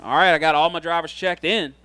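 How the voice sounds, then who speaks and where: A man's voice: on the high side, steady tone, fairly quick, sharp tone, smooth, no echo. A man doing live trackside race announcing, talking to drivers in an informal, folksy way.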